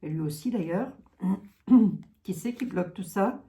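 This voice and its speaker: Mellow-voiced woman with a Lorraine accent. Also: medium pitch, animated, slow pace, slight background noise. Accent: Lorraine French. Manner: muses aloud, trailing asides, frequent tags. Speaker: tarot card reader. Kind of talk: live tarot reading.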